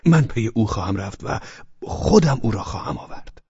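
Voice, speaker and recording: A man's voice: fairly low pitch, lively intonation, gravelly, a little mellow, breathy edge, no room sound, muffled recording, voice pushed up, full character voice. A man voicing a sullen, distrustful young girl in an audiobook, with a raised, half-whispered voice. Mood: insistent. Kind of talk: audiobook character voice.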